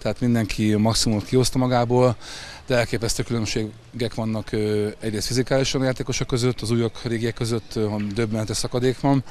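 A man's voice: mid-range voice, little pitch movement, hardly any pauses, a little mellow, slight background noise. A man in his forties, a football coach, giving a post-match interview outdoors into a handheld microphone. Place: outdoors beside a stadium running track.

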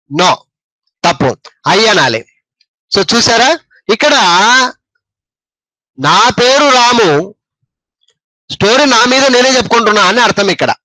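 A man with a high, bright voice and a Telugu accent teaches an English grammar lesson. He talks slowly and repeats himself, often stopping to quiz his listeners. The sound is dry and close. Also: no room sound, poor audio. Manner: explains slowly, repeats words and quizzes the listeners.

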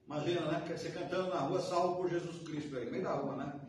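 A man with a Brazilian Portuguese accent, a pastor telling a story in a sermon, swinging between loud emphasis and soft, low passages. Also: fast. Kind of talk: sermon with anecdote. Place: church sanctuary. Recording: echoey church from far off, faint noise.

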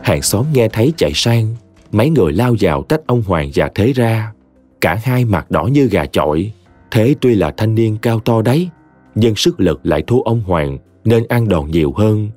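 Deep-voiced man narrating a story. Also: expressive, normal speed, no room sound. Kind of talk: scripted audiobook narration. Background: soft music.

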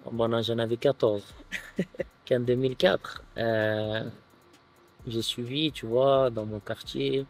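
Relaxed man chatting with "tu vois" fillers. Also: medium pitch, takes it slowly, faint music behind. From France. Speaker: guest footballer. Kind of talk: casual interview chat. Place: outdoor terrace on a sofa.

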